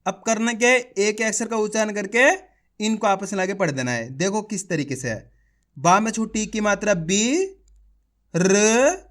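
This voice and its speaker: A man's voice: high-pitched, normal speed, a bit bright. A male reading teacher sounding out words syllable by syllable, then saying each whole word, and coaching viewers as friends. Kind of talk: spelling-out reading lesson.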